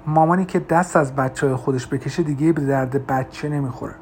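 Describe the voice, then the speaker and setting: A man voicing a calm, confident woman friend who talks gently and reassuringly in an audiobook. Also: mid-range voice, a little hiss or hum, close to an everyday voice. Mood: gentle.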